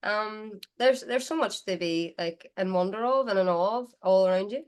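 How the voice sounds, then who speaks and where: A woman with a Derry accent speaks at a medium pitch. She chats casually as a guest on an interview show, telling stories in a Northern Irish voice. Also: normal speed, clean tone. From Derry, Northern Ireland. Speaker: guest musician. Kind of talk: casual chatty storytelling.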